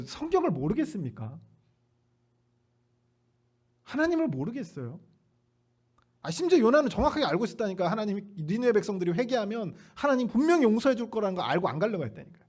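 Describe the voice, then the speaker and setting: Lively high-pitched preaching man. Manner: conversational preaching with rhetorical questions to the congregation; acts out quoted lines with playful humor. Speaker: pastor. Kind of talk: Sunday afternoon sermon. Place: church sanctuary.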